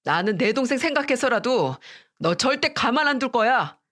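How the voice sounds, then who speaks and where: Angry older brother, scolding and threatening, read by a woman narrator, pitched a bit higher than her own voice. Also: big pitch swings, moderate pace. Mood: furious. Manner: shouting, scolding.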